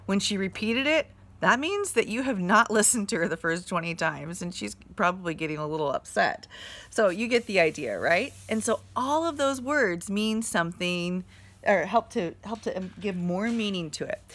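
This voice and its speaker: A mother and teacher giving a slow, encouraging grammar lesson to young children, with fillers as she explains. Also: medium pitch, animated, a bit bright.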